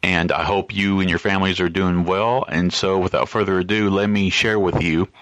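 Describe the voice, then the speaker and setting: Deep-voiced man in a lo-fi voice message. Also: fairly even intonation, fairly bright tone, dry recording. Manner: polite and measured, with frequent "uh" fillers. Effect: played back as a voice message. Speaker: voicemail caller to a podcast. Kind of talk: casual spoken message. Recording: dull lo-fi voicemail audio.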